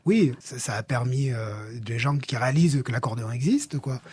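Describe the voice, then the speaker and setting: A man, an accordionist guest in a live radio interview, talking haltingly with many fillers. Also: medium pitch, darkish tone, slightly rough, dry recording.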